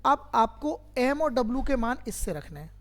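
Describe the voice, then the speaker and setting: A man's voice: extremely high pitch, very animated, normal speed. A man teaching a math lesson to a class, who keeps quizzing his students and patiently repeats each step.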